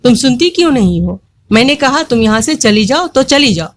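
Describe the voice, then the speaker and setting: A vain little butterfly girl from a children's storybook, raised high and sharp-tongued, scolding whoever shares her flower, as a woman puts her on. She brags and orders others away. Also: big pitch swings, normal speed. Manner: scolding, haughty, boastful. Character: proud, bossy young female butterfly.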